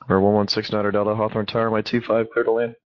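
A man's voice: fairly low pitch, little pitch movement, rapid-fire. A man working as an air traffic controller, giving clipped standard instructions over aviation radio. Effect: aviation radio transmission. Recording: muffled band-limited radio transmission.

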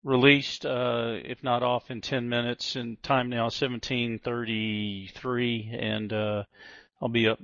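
Male pilot, headset radio transmission, muffled sound, dry, gravelly, flat delivery, relaxed readbacks. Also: mid-range voice, slow, dry recording. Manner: relaxed, hesitant readbacks with fillers. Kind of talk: radio calls to air traffic control.

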